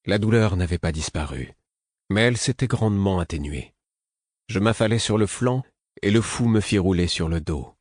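A man giving measured first-person narration for an audiobook. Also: low-pitched, animated, darkish tone, no room sound, clean studio sound.

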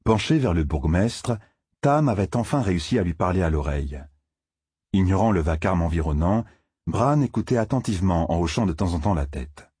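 A man narrates an audiobook in a steady, measured way. His voice sits very low and husky, recorded dry and close. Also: no room sound.

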